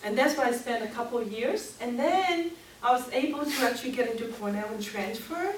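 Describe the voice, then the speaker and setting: A Hong Kong woman in her fifties with a Cantonese accent gives a live workshop talk in a seminar room, drawing her audience in with questions. Her voice is fairly high, lively, and brisk. The room is echoey, the mic is distant, and there's a little hiss or hum.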